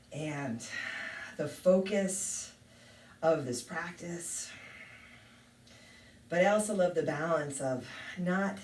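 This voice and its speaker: A woman teaching a yoga class, calmly calling out poses and breaths with a touch of self-deprecating humor. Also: deep voice, slight background noise. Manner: calm cueing with light self-deprecating humor. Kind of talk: guided yoga class instruction. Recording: echoey room, mic at a distance.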